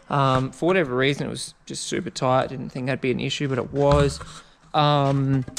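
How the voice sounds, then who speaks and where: Laid-back Kiwi bloke, sweary and slangy. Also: male voice, medium pitch, slight background noise. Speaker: car build vlogger. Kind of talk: casual chat.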